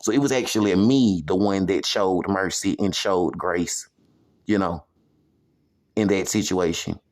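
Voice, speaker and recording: A man from the United States talking to camera about his own grievances, repeating himself with lots of "you know" and stretching some phrases out slowly. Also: sits low, a little mellow. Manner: repetitive, emphatic, heavy use of "you know". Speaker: vlogger. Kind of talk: personal monologue to camera.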